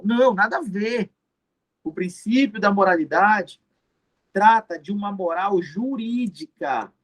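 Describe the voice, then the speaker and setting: A man giving an exam-prep law lecture, explaining step by step, repeating key terms and answering his own questions. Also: high-pitched. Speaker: law teacher.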